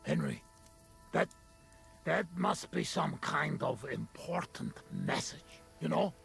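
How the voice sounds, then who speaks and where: Gravelly drinking buddy, broken english, teasing, loud. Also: male voice, on the high side, wildly swooping pitch, takes it slowly, soft background music, heavily acted. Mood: earnest. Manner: boisterous, teasing. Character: rough, boisterous man with a thick foreign accent, drinking companion. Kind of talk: game voice acting.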